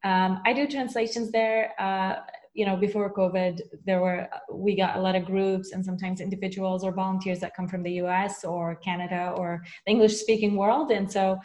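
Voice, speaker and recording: A woman from Nazareth who is a native Arabic speaker, talking about her church work in relaxed English. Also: medium pitch, moderate pace. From Nazareth, Israel. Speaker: interview guest, church translator. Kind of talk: casual interview conversation.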